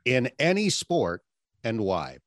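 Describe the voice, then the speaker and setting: A man hosting a podcast, asking a guest questions in a relaxed, easygoing way. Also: mid-range voice, slow pace, dry recording, studio quality. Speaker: radio broadcaster and podcast host. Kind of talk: interview questions.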